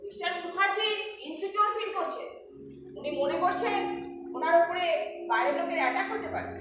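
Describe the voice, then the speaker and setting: A stern, admonishing police officer, played by a woman on a theatre stage, her high voice ringing through a big reverberant hall. She sounds distant from the mic, and music plays underneath. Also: animated, a little fast, background noise. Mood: lecturing. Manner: firm, admonishing, mixing in English phrases. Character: stern female police officer, lecturing calmly. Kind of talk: stage play acting.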